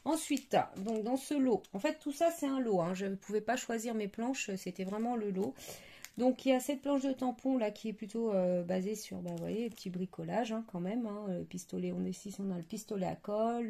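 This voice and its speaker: A woman chatting casually as she shows craft stamps on camera, hesitant, often pausing to search for words. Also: mid-range voice, dark tone. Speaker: crafting vlogger. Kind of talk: casual product show-and-tell.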